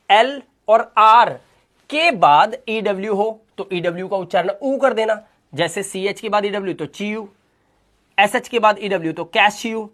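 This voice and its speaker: A teacher from India giving a phonics lesson in Hindi, slowly spelling out vowel sounds and repeating example words. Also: medium pitch, fairly bright tone. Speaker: English teacher.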